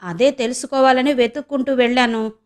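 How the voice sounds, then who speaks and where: A woman's voice: sits high, steady tone, a little fast, natural voice. A woman voicing a young village woman who is searching for her lost brother, speaking earnestly and pleadingly in an audiobook. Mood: subdued.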